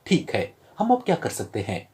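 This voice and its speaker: A man voicing a defeated woman agency chief, speaking quickly and pleadingly in an audio novel. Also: medium pitch, wildly swooping pitch, darkish tone, slight background noise, voice pushed down.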